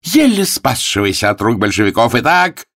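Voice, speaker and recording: A man's voice: medium pitch, very animated, normal speed, a bit bright, no echo, studio quality, pitched above the performer's own voice. A man voicing a showy male barker who announces cockroach races with grand cries in several languages. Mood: indignant.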